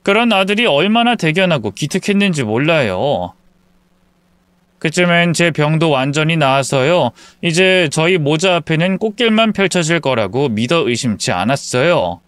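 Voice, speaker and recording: A man narrating a first-person life story in a calm, earnest, confiding way. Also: fairly high pitch, moderate pace, smooth, dry recording.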